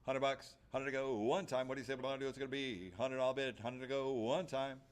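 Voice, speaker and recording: A man runs a live auction as the auctioneer. He chants bids in a rhythmic patter, repeating numbers and stock phrases over and over. His pitch sits in an ordinary middle range for a man. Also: little pitch movement, a little fast, clear, resonant tone.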